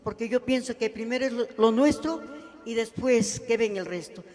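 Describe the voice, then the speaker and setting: A woman's voice: fairly high pitch, moderate pace, a little mellow. A woman folk singer with an Ayacucho Peruvian accent, singing and speaking earnestly to the audience at a live cultural event. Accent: Ayacucho Peruvian Spanish. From Ayacucho, Peru. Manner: earnest, heartfelt address to the audience. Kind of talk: live huayno singing and stage talk. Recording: long echoing reverb, faint music.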